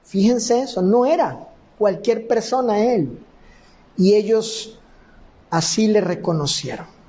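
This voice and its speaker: A man's voice: sits high, expressive, slow pace, warm tone, poor audio. A man teaching a Bible lesson, reading scripture and then explaining it point by point to his listeners. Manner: addresses listeners as brothers.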